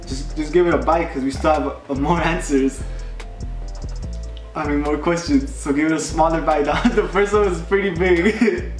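A young man with a high, light voice hosts a casual challenge vlog, joking with a friend and reading quiz questions aloud. He is recorded in a roomy, echoey bowling alley, with music playing faintly behind. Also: fairly even intonation, normal speed. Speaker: vlog host.

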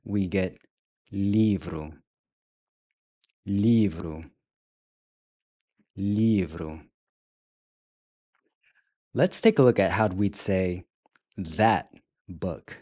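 Slow, low-voiced male language teacher. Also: a little mellow, no room sound, studio quality. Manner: slow, deliberate, repeats each word several times. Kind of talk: beginner language lesson.

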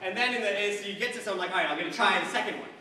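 A young man from Long Island doing a stand-up comedy set on a stage, lively and scattered with many fillers, recorded from far off in a large hall with the audience laughing. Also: sits high, racing, a crowd in the background. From Long Island, New York. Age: young adult. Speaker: stand-up comic. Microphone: handheld mic, filmed from far seats.

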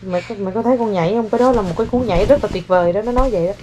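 A woman's voice: medium pitch, racing. A woman filming her child at home, exclaiming and praising in a casual family video. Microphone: handheld phone camera. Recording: home video with loud background noise.

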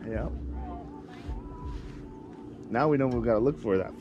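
A man's voice: medium pitch, measured pace, lo-fi sound, noisy background. A man fishing from a boat with friends, bantering in a playful, teasing way. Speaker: fishing buddy. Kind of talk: casual banter. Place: boat on a lake outdoors.

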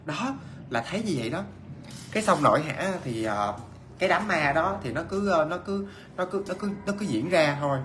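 A man's voice: a little high, lively intonation, normal speed, a bit bright, slight background noise. A man telling a ghost story in a casual, chatty way, repeating himself with many fillers and restarts.

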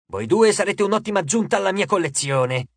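Man playing a gloating sea god, booming, theatrical, swinging pitch, husky. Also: lively intonation, fairly quick, dry recording. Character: gloating grotesque male sea god, mocking.

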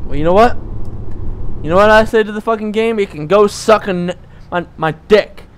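Brief: young American guy, high voice, swearing gameplay commentator, faint train noise behind. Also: moderate pace. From United States. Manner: frustrated, swearing, rambling with fillers. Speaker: gameplay streamer.

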